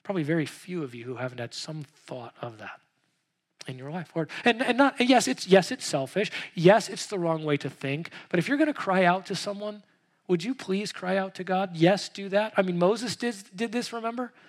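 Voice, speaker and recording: A man preaching an earnest sermon, talking conversationally with restarts and acting out quoted pleas, swinging from loud to hushed. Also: high-pitched, expressive, moderate pace. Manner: conversational, with repeated words and restarts. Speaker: pastor.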